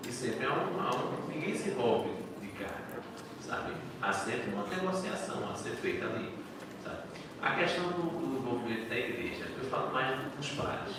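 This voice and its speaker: A man, a history professor speaking informally at a panel, enthusiastic and conversational, often restarting his sentences. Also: mid-range voice. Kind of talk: informal academic talk at a panel. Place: lecture hall. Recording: echoey hall, distant mic, background noise.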